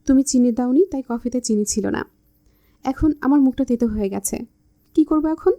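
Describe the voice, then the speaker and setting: A woman's voice: high-pitched, normal speed, dark tone. A woman voicing a teasing, bossy young man in love, with a smug manner.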